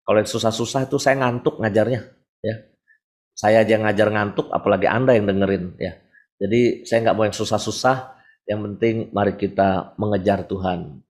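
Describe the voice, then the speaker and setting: A man's voice: fairly low pitch, fairly even intonation, moderate pace. A man in his forties, a priest giving a frank, conversational sermon to a congregation with everyday examples. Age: 40s.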